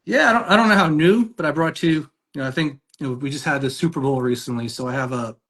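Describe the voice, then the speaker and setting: A man's voice: a little high, quick pace, fairly bright tone. A man who is a guest on a casual chat show, easygoing, often repeating words as he starts a thought. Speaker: guest ticket collector.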